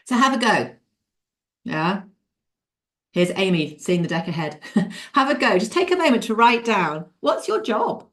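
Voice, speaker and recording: A woman leads an interactive leadership webinar over a video call. She talks in a lively, encouraging way, laughs often and calls on participants by name. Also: mid-range voice, a little slow, long pauses. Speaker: leadership mentor running a webinar.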